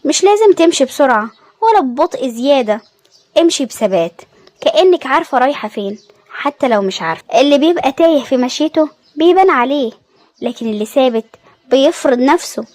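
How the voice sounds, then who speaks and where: A woman with an Egyptian Arabic accent giving scripted self-help narration in calm, measured short phrases. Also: sits high, no room sound.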